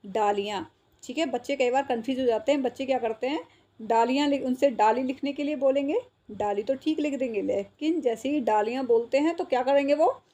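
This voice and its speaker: Woman teacher, patient and repetitive, higher pitch, slightly husky. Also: a little fast, warm tone. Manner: patient, repeats words and checks understanding. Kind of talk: explaining a school textbook exercise.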